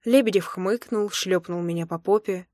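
A woman's voice: medium pitch, moderate pace, no echo, clean studio sound. Intimate young woman narrating an audiobook. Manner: expressive, intimate storytelling. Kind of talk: first-person audiobook narration.

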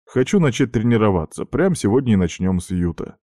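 A man voicing a stubborn young male student fighter who talks bluntly and flatly. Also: fairly low pitch, a little fast, no echo, clean studio sound.

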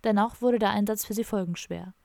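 Gravelly-voiced woman reading a comic audiobook. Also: mid-range voice, brisk, warm tone, no echo, clean studio sound. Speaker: audiobook narrator. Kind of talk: scripted audiobook narration.

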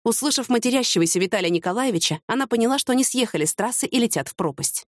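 A woman narrating a novel in an even, expressive reading voice. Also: fairly high pitch, racing, no echo, studio quality. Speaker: audiobook narrator. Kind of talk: scripted narration.

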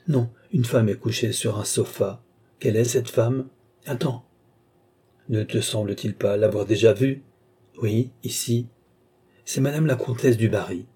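A man's voice: medium pitch, measured pace, long pauses, warm tone, breathy edge. Man voicing Lorenza, an entranced young seer. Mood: dreamy entranced. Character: young woman, entranced clairvoyant, tender and devoted.

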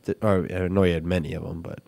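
A man's voice: sits low, little pitch movement, fast talker, creaky, a little mellow, no echo. A young male radio co-host with a cold and a stuffy nose, joking and self-deprecating in casual chat.

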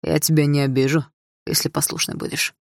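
A woman reading an audiobook, voicing a crude, leering young male thug with a slow, drawling manner. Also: deep voice, level tone, creaky, no echo, studio quality.

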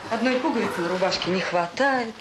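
An actress plays an officious, self-important schoolteacher who is also a visiting relative, prim, didactic and quick to find fault. Her medium-pitched female voice is lightly acted in naturalistic Soviet radio drama style, and the recording is very noisy.

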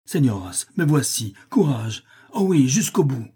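A man's voice: mid-range voice, very animated, a little slow, mellow, husky, full character voice. A man voicing a brave young mestizo fighter who reassures the women he defends. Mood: resolute. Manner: resolute, reassuring.

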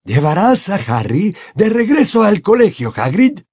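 A man's voice: high-pitched, big pitch swings, measured pace, a little mellow, breathy edge, dry recording, studio quality, pitched above the performer's own voice, full character voice. Dumbledore: a man doing a firm old headmaster. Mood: commanding. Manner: firm and commanding. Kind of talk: audiobook character voice.

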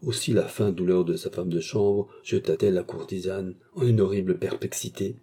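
A man narrating a classic novel aloud in a measured, even storytelling manner. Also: low-pitched, husky. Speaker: audiobook narrator.

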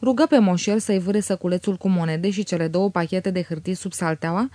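A woman reading a novel aloud as an audiobook narrator, steady and measured. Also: fairly low pitch, dry recording.

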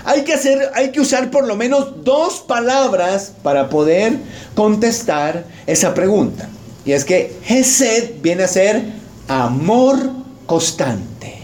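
Animated preaching man, slow and lively. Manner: wide swings of pitch, rhetorical questions to the congregation. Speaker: pastor. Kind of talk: sermon.

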